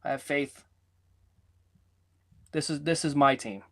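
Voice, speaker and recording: A man's voice: fairly high pitch, slow pace. A rambling, joking man co-hosting a podcast. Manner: joking, rambling, teasing his co-host. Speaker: sports betting podcast co-host. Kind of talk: casual banter.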